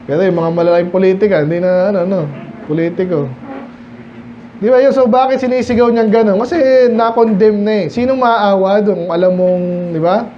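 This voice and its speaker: A man gives a midweek Bible study sermon in a high voice, reading each verse and then unpacking it in a relaxed, conversational way. He keeps asking his listeners questions. The church recording sounds dull and lo-fi, with a faint hiss behind him. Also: brisk. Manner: explains English verses in conversational Filipino, rhetorical questions. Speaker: pastor.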